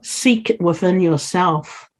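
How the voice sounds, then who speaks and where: This woman, a non-native English speaker and community leader, takes it slowly in a lowish voice while guesting on a podcast. The talk is casual interview conversation, and she sounds earnest and supportive.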